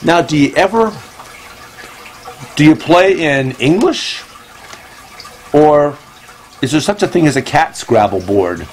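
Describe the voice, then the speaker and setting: A man's voice: on the high side, animated, slow pace, long pauses, low-quality recording. A man hosting a comedy show, rambling and meandering as he talks, recorded on a phone at home. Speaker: host. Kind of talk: comedic monologue.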